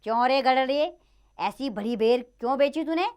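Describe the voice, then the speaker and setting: A woman's voice: sits high, moderate pace, a little mellow, clear, resonant tone, voice pushed up, natural voice. Foolish blustering king, voiced by a woman. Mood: bossy. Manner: commanding, barking orders.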